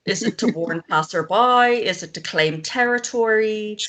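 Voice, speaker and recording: In a casual video-call interview, a guest zine maker from Ireland chats at an unhurried pace in a medium-pitched, slightly bright voice. She rambles, puts herself down, and laughs often between thoughts.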